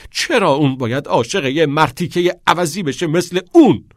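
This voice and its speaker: A man reads as a heartsick teenage boy with a raised, strained voice that wails over his troubles, loud and overwrought. The sound is dry and close, with no room around it. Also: on the high side, gravelly, no room sound, voice pushed up. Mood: anguished. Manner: wailing, overwrought.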